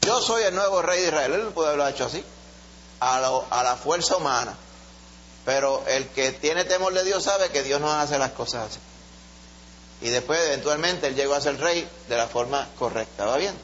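A preacher tells the Bible story in an animated way, slipping into voices for its characters. His voice sits somewhat high for a man. The recording sounds dull and muffled, with a faint hum under it. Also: moderate pace. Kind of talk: Bible study sermon.

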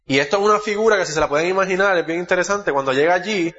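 A man's voice: high voice, racing, fairly bright tone, soft background music. A man with a Puerto Rican Spanish accent preaching a sermon, reading Bible verses aloud and correcting himself as he goes. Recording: muffled echoey hall.

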